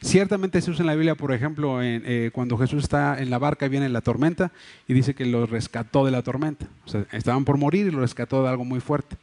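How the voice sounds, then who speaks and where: Quick-paced and a little mellow, a medium-pitched man preaches his sermon as pastor. A livestream microphone records him in a church hall. Explaining earnestly in a Mexico City Spanish accent, he uses many fillers and restarts.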